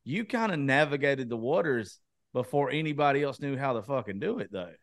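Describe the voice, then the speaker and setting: A man's voice: medium pitch, expressive, brisk, dry recording, clean studio sound. A man in his thirties with a Southern American accent, chatting casually in a crude, blunt, profane way. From Eastman, Georgia, USA. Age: 30s. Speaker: podcast co-host, radio personality. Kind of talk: casual chat.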